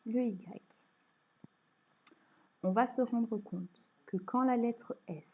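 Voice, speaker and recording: A woman with a French accent teaching a phonics lesson to young children, explaining slowly and patiently. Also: medium pitch, slightly rough. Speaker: primary school teacher. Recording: dull lo-fi recording.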